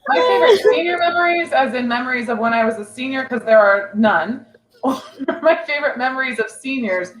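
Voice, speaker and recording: A woman's voice: a little high, normal speed, reverberant, slight background noise, poor audio. A woman contestant on a comedy game show, chatty and self-deprecating, telling a casual story.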